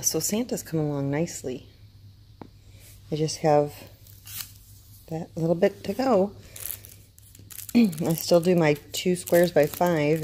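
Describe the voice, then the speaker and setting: A woman chats at home in a low, mellow voice. She rambles and often restarts her sentences, chewing food between thoughts as she shows off her crafts. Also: a little hiss or hum. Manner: rambling, self-interrupting, chatty. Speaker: vlogger. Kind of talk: casual chat to camera. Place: home, downstairs room.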